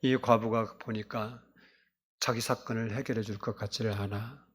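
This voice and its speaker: A man's voice: on the low side, fairly even intonation, moderate pace, slightly rough. Emphatic male pastor preaching. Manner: emphatic, swinging between loud exclamations and soft asides. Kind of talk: sermon.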